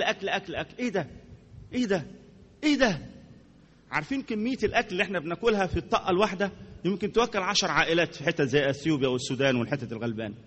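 A man with an Egyptian accent preaching a sermon to a congregation, animated, repeating words for emphasis and asking his listeners questions. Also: sits high, husky, big-room sound. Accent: Egyptian Arabic.

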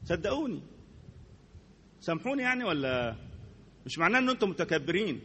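A man with an Egyptian accent preaches a sermon. His voice is high and bright, and he stays animated, repeating words for emphasis and putting questions to his listeners. A long reverb from the hall hangs on his words. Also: quick pace, highs cut off, slight background noise. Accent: Egyptian Arabic.

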